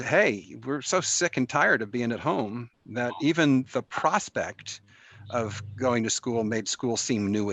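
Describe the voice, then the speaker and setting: A man hosting and presenting informally to a small group, often halting as he searches for his words. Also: medium pitch, fairly bright tone, no echo. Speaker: session host and presenter.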